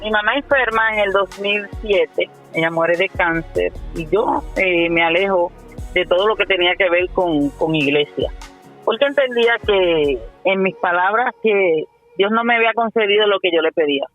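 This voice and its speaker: A woman's voice: medium pitch, moderate pace, fairly bright tone, faint music behind, rough recording. A woman in her fifties with a Puerto Rican accent, telling her faith testimony earnestly, with frequent "eh" and "¿verdad?" asides. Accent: Puerto Rican Spanish. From Puerto Rico. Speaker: minister giving her testimony. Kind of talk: personal testimony on a radio show.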